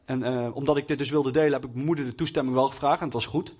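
A man's voice: medium pitch, steady tone, racing, darkish tone, breathy edge. A young man preaching in Dutch, telling a personal testimony in a hesitant way with many fillers and restarts. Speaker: lay preacher.

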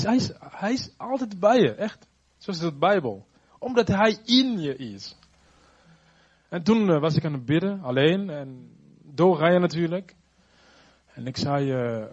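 Halting, husky-voiced man testifying. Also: fairly high pitch, darkish tone, dull audio. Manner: halting, searching for words with many restarts. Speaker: churchgoer giving a testimony. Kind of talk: personal faith testimony.

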